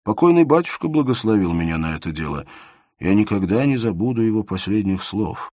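A man reading aloud voices a shy, earnest young scholar who speaks slowly with a slight lisp. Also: lowish voice, expressive, warm tone, no room sound, clean studio sound, voice pushed up.

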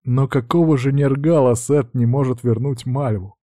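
A man doing a tormented djinn lord in an audiobook, loud and urgent, breaking into desperate, pleading outbursts. The voice stays mellow and dark underneath, recorded close and dry. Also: medium pitch, moderate pace, no room sound, natural voice. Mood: anguished. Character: anguished, hot-tempered male lord of the djinn.

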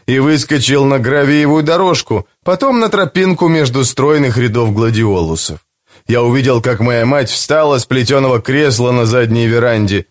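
A man reading a first-person story aloud, with emotional, dramatic delivery. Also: medium pitch. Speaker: audiobook narrator. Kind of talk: expressive first-person literary narration.

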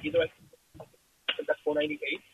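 A man working as an airline booking agent on a phone call. He talks away from the receiver to someone else in the room, so he sounds far off. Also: fairly quick. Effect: voice far from the phone, talking away from the receiver. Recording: tinny phone line with faint noise.

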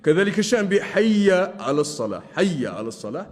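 A male Islamic scholar gives a religious lesson, speaking deliberately and slowing down to demonstrate chanted phrases. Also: high-pitched, big pitch swings. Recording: long hall reverb.

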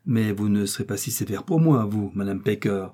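Un colporteur rusé et costaud, joué par un homme dans un livre audio, à la voix insinuante puis brutale, un peu plus aiguë que celle du narrateur, au timbre sombre et voilé. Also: male voice, on the low side, animated, moderate pace, mellow, breathy edge. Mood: wheedling. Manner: wheedling, then bullying. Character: sly burly male peddler, insinuating then harsh.

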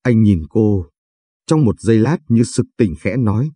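Dark, husky male storyteller. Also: lowish voice, expressive, unhurried, no echo. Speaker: narrator. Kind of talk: scripted story narration.

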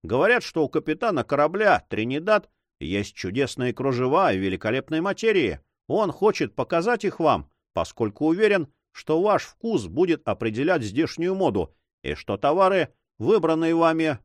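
A man voicing a courteous, fatherly older governor who persuades in a gentle way. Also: on the high side, dry recording, studio quality, pitched above the performer's own voice.

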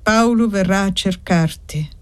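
A woman reading as a gruff weary village priest. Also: mid-range voice, unhurried, natural voice. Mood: grumbling. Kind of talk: audiobook character reading.

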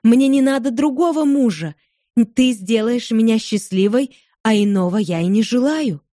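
A woman's voice: fairly high pitch, animated, normal speed, dark tone, no room sound, studio quality, pitched above the performer's own voice, lightly acted. Woman voicing an ardent young heiress. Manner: eager, emphatic.

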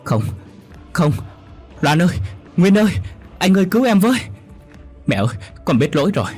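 A man's voice: sits high, very animated, drawn-out words, breathy edge, faint music behind, pitched above the performer's own voice, full character voice. A man voicing a terrified middle-aged wife crying out for help in a horror audiobook. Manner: panicked pleading cries.

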